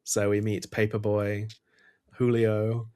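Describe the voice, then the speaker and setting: A man's voice: fairly low pitch, completely flat delivery, takes it slowly, darkish tone. A man hosting a podcast in casual chat, enthusiastic and rambling with frequent ums. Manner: chatty, enthusiastic, trails off with ums. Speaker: podcast host.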